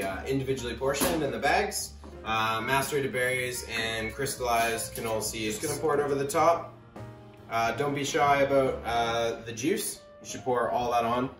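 A young male chef walks through cooking steps in an easy, casual way, filling pauses with "uh". He sounds far from the mic in an echoey kitchen, with music clearly playing behind. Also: medium pitch. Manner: casual, many "uh" fillers. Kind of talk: cooking instructions. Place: restaurant kitchen.

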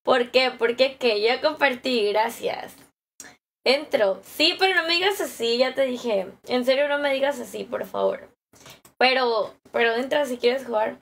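A woman's voice: sits high, a little slow, vocal fry. A young woman with a Mexican accent chatting casually on a live stream from home, greeting viewers by name and laughing easily into a phone camera held close.

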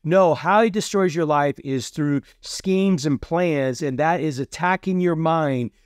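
A man's voice: on the high side, a little slow, smooth, no echo, studio quality. A man hosting a casual teaching sermon who keeps asking "Amen?" and starts his points with "so see". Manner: repeats "Amen?" and "So see" often. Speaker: preacher hosting a teaching series.

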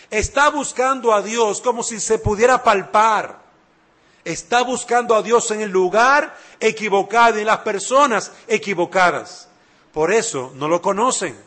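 Guy preaching a sermon, high voice, slow, keeps repeating lines for emphasis. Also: fairly bright tone. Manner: emphatic, repeats key phrases; addresses listener directly.

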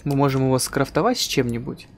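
A man's voice: medium pitch, quick pace, a little hiss or hum. A man hosting a gaming channel with casual let's-play commentary, musing aloud and joking.

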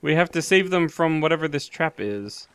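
Bright-voiced man with lively pitch. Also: moderate pace, clear, resonant tone, dry recording. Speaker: gaming video player. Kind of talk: casual game commentary. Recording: background noise.

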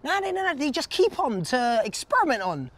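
An actor in his twenties playing a flippant, excitable slacker brother, with a London accent in a comedy web series. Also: extremely high pitch, brisk, full character voice. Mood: excited.

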